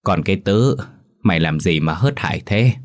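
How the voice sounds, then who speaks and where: A man with a deep voice voicing a gruff, scolding old village elder in a storybook tale. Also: expressive, moderate pace. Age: older.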